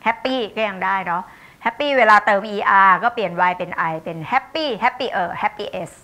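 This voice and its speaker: A Thai-accented woman gives a university English lecture, her voice bright and clear. She speaks at a slow, unhurried pace, reading examples word by word. Between them she chats with her listeners and checks that they follow. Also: mid-range voice. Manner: explains warmly and chattily, with tag questions and asides.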